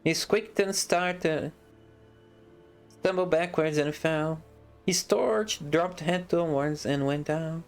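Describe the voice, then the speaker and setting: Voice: mid-range voice, slow pace, faint music behind. A streamer reading a fantasy novel aloud on a live stream, breaking off for casual, joking asides.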